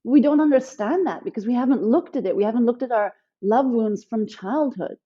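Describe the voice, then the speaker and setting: Earnest woman coach with a husky voice. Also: fairly high pitch, fairly quick, muffled recording. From born in Thailand, raised in Nepal. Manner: earnest, explanatory, many fillers. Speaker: guest coach for women. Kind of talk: podcast interview.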